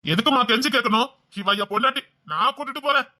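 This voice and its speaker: A woman's voice: on the high side, expressive, fast, sharp tone, pitched below the performer's own voice. A woman voicing a protective young husband in a cartoon, firm and reassuring.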